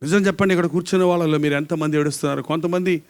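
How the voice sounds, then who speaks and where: A man's voice: on the high side, fairly even intonation, rapid-fire, darkish tone, clean tone. A male pastor preaching a live sermon, full of emphatic rhetorical questions and repetition.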